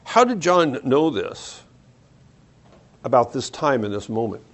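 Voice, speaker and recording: A man preaching a sermon, reading scripture aloud and reflecting on it, often dropping his voice low on key points. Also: very animated, unhurried. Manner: reflective, varies pace and loudness, drops low on key points.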